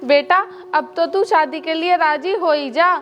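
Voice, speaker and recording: A man playing a shrill nagging mother-in-law. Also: unhurried, dull audio. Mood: wailing. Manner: shrill, nagging, fake crying. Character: scheming, melodramatic old mother-in-law woman. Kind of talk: amateur Hindi family drama.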